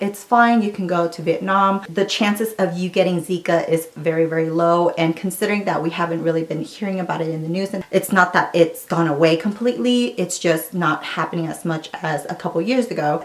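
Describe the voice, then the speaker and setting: A woman in her thirties giving a candid, chatty pregnancy update to her viewers. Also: lowish voice. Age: 30s. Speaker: vlogger. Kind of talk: casual pregnancy update vlog.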